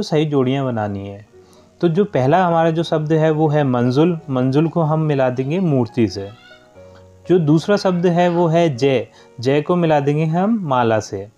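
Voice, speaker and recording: A man's voice: on the high side, dark tone, lo-fi sound. A young man teaching children, explaining a school worksheet step by step and repeatedly addressing his pupils. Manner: patient, keeps addressing children.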